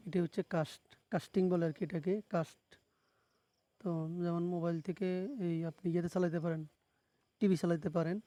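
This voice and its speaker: High, flat-voiced Bangladeshi teacher. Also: male voice, no room sound. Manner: repeats each word slowly, explains meanings plainly. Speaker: English teacher. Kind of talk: classroom lesson on verb forms.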